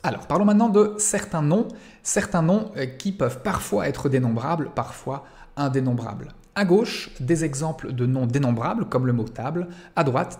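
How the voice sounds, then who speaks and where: A man's voice: medium pitch, darkish tone. A young French-speaking man giving a recorded English grammar lesson, explaining step by step with rhetorical questions and frequent "eh bien" fillers.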